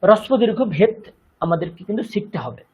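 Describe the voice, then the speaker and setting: A man with a Bengali accent teaching a Sanskrit lesson, speaking slowly and deliberately and chanting verses syllable by syllable. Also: high voice, lively intonation, breathy edge, muffled recording. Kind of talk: online language lesson.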